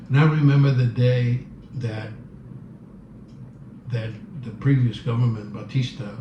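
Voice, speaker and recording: A man in his seventies from Cuba, a native Spanish speaker, answering interview questions thoughtfully and searching for his words. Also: mid-range voice. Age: 70s. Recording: roomy, distant, dull, noisy.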